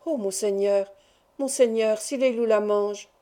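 A woman's voice: mid-range voice, measured pace, mellow, natural voice. A woman voicing a proud, wild young peasant beauty who talks back defiantly. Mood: pleading.

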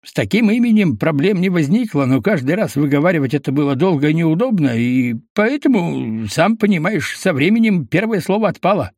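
A man's voice: very animated, a little fast, few pauses, darkish tone, no room sound, clean studio sound. A man putting on a jittery, cowardly scavenger, Baklan. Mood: nervous explaining. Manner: frightened pleading, rising high.

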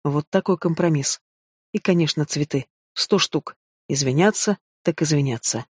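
A man's voice: a little high, normal speed, breathy edge, no echo. Man narrating an audiobook, dry close sound. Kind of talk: scripted narration with acted dialogue.

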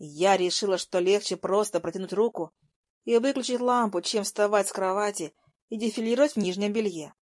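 A young woman narrating a first-person story in a soft, even storytelling voice. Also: mid-range voice, a little fast, no echo, clean studio sound.

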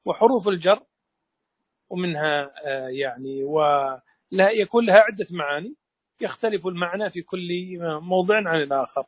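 A man with a high voice teaches a religious lesson, stopping the reader to correct his pronunciation and explain. He often restarts his words before getting them out. The sound is dry and close. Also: moderate pace, long pauses, breathy edge, no echo.

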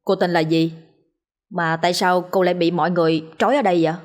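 A woman's voice: fairly low pitch, steady tone, darkish tone, close to an everyday voice. A woman doing a cocky young exorcist. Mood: casual. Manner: quick, mocking, cheeky. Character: cocky young male exorcist, mocking and brash. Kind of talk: storytelling.

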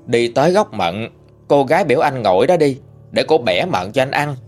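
A man with a Southern Vietnamese accent tells a ghost story in a folksy, homespun manner. His voice sits mid-range but swings up and down with lively expression. Faint music plays underneath. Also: moderate pace. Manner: folksy, animated retelling with lively pitch swings.

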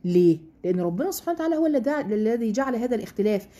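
Fast-talking husky Egyptian woman teacher. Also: a little high, sing-song, warm tone. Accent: Egyptian Arabic. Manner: conversational, full of rhetorical questions; slows down to recite verses. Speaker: Quran study teacher. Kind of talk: casual religious lesson to women.

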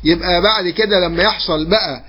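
His voice sits high and sounds husky, and the recording is muffled, as a man with an Egyptian Arabic accent teaches Quran memorization online. Patient in his explanations, he answers his own questions and repeats points with drawn-out fillers in this recorded course lesson.

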